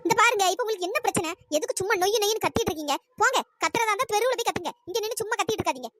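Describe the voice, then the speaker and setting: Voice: extremely high pitch, expressive, racing, a bit bright, dry recording. A performer voicing a defiant young daughter-in-law who answers back with mocking retorts in a cartoon. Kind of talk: cartoon voice acting.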